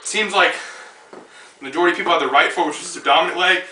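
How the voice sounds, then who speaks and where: A twenty-year-old strongman athlete and coach talks casually through a lifting demonstration, rapid-fire and full of fillers between lifts. His slightly high voice is bright and forceful, reaching the camera from a distance in an echoey gym, with a little hiss or hum.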